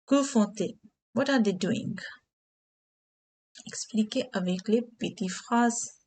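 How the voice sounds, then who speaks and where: A woman teaching beginner French, giving English glosses and repeating key words slowly. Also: medium pitch, darkish tone, slight background noise. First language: Hindi.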